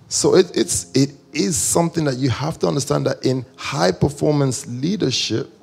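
A man's voice: medium pitch, gravelly, darkish tone, slightly rough. A male pastor preaching a conversational sermon with joking asides and rambling tangents.

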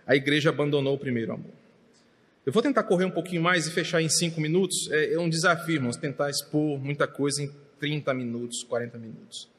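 A middle-aged man, preaching a passionate sermon from the pulpit in a church. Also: fairly high pitch. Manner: impassioned, rises to near shouting at times. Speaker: pastor. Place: church sanctuary. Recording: long hall reverb.

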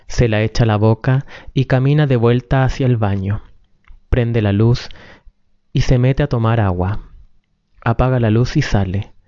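A man reading stage directions aloud in a flat, matter-of-fact way. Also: mid-range voice, smooth, dry recording. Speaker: narrator. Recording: dull lo-fi recording.

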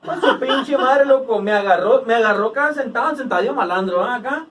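A man's voice: very high voice, brisk, fairly bright tone, recorded from a distance. A man with a Mexican accent, a podcast host, joking in crude slang and telling stories. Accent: Mexican Spanish. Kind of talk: casual banter.

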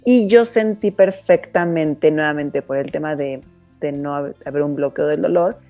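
A woman with a low voice tells her story on a podcast, pausing often and reaching for words. Her tone is mellow and warm. Faint music plays underneath. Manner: hesitant, with many fillers. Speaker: podcast co-host. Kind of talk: casual chat.

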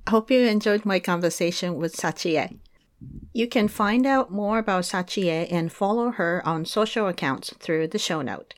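A woman podcast host chatting casually with a guest, relaxed and quick to laugh. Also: mid-range voice, no room sound, clean studio sound. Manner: relaxed, laughs often, brief agreeing replies. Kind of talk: casual interview chat. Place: home studio, recorded in Canada.

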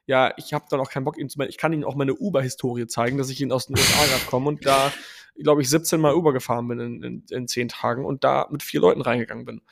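A young man hosting a podcast, casually telling an animated story and quoting people along the way. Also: medium pitch, fast, creaky. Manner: animated, quotes people with lively asides. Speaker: podcast host.

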